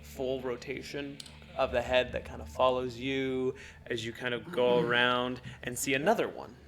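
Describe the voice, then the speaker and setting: A man's voice: medium pitch, level tone, moderate pace, vocal fry, background noise. A man running a tabletop game as game master, describing scenes in a loose, casual way.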